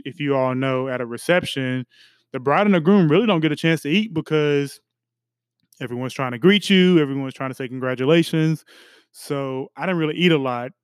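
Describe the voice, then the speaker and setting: Young guy on a podcast, smooth clear voice, dry sound, laid back with lots of ums. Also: medium pitch, no echo. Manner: relaxed, reflective, with many fillers and restarts. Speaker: podcast co-host. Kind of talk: casual chat.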